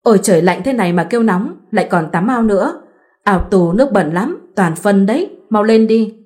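A fussing older village mother from a read-aloud story, quick to scold, as a woman reader puts her on. The pitch sits in a middle register for a woman. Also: expressive, warm tone, lightly acted.

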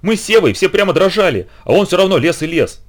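Shrill, teasing little girl, a tattletale and crybaby, high and jumpy, put on by a male storyteller. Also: sing-song, a little fast. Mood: excited. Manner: shrill, mocking.

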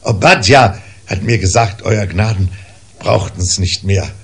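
A man reading aloud, voicing a deferential old soldier-servant who speaks hesitantly and apologetically, with a husky voice. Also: fairly low pitch, measured pace, a bit bright, full character voice. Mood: humble.

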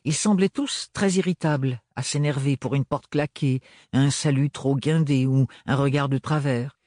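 This audiobook reader, a man, narrates a novel from a script with measured, expressive storytelling. His voice sits in the mid-range, and the studio-quality audio carries no room sound.

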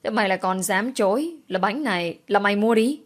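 A woman voicing a spiteful, quarrelsome female co-worker who yells and accuses in a storybook reading. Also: medium pitch, expressive, fairly quick, lightly acted. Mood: accusing. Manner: accusing, yelling.

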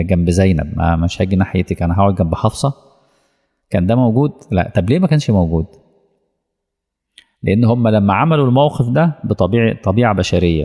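A man's voice: lowish voice, gravelly, dark tone, big-room sound. A man with an Egyptian accent giving a colloquial sermon, telling stories and acting out their dialogue. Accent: Egyptian Arabic. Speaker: preacher.

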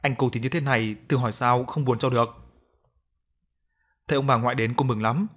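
A man giving a steady, scripted narration of a ghost story. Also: mid-range voice, a little fast.

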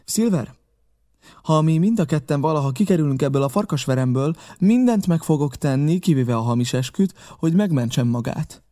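A man's voice: fairly high pitch, animated, mellow, voice pushed up, natural voice. A man voicing an earnest, kindly older ship's doctor who scolds and pleads, in an audiobook reading.

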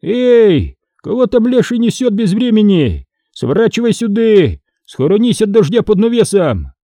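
A man voicing a bold, mocking blacksmith master held in chains, talking loud and scoffing. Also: high-pitched, big pitch swings, moderate pace, dry recording, clean studio sound, pitched above the performer's own voice, exaggerated voice. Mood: boisterous.

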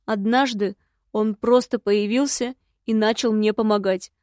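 A woman's voice: mid-range voice, steady tone, a little slow, darkish tone, no room sound, clean studio sound, close to an everyday voice. Woman doing a grumbling eared imp. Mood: glum.

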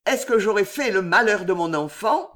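A man's voice: high voice, lively intonation, normal speed, a bit bright. A man voicing an anguished noble father, growling out his worry.

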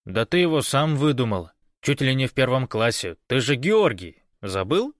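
A man voicing a cheerful young male sniper who talks loudly and eagerly. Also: medium pitch, normal speed, no room sound, clean studio sound, pitched above the performer's own voice, lightly acted. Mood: chiding. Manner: eager, loud, excited.

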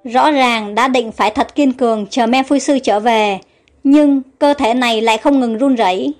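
High-voiced woman reading a story. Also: normal speed, faint music behind. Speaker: audiobook narrator. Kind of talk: storybook narration voicing every character.

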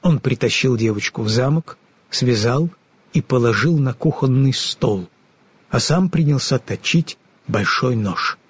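A man narrates a children's storybook in a husky, somewhat high voice with lively, animated pitch. The recording is dry and close, with no room sound. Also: measured pace, no echo. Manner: expressive, lively reading.

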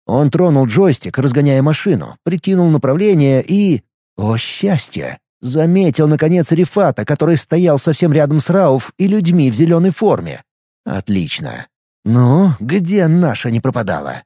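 A man narrating an audiobook in an expressive, vivid way, close to the mic. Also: on the high side, moderate pace, no echo. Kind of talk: scripted narration.

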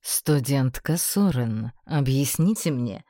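A woman's voice: rumbling low, lively intonation, slow, warm tone, no echo, clean studio sound, pitched below the performer's own voice, heavily acted. A woman voicing a cold, sarcastic male university professor who speaks in an icy, cutting, mocking tone. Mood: icy sarcasm.

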